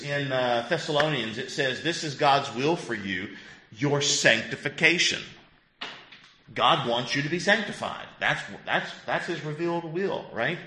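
A man's voice: a little high, sharp tone, a little hiss or hum. A man in his fifties, a pastor teaching a Bible class in a conversational way, asking the group questions. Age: 50s. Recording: echoey room.

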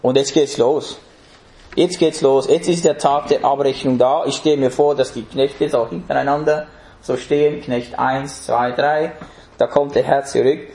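A man's voice: mid-range voice, fairly even intonation, moderate pace, a little mellow, reverberant. A man preaching a sermon in an emphatic way, putting rhetorical questions to the congregation.

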